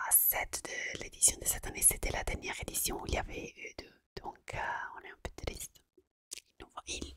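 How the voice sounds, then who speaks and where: A woman whispers in soft ASMR style, with an Italian accent. The sound is bright and very dry, as if right at the microphone. She talks casually and haltingly, often feeling for the next word. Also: no echo. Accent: Italian accent in French. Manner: hesitant, searching for words in French. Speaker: ASMR creator. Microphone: close microphone. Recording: close, dry whisper recording.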